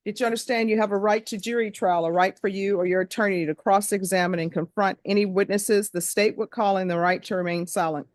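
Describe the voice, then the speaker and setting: Woman judge doing formal courtroom questions, brisk and official, really dry close sound. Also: medium pitch, steady tone, no room sound. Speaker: judge presiding over a plea hearing. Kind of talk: formal courtroom questioning, scripted legal recitation.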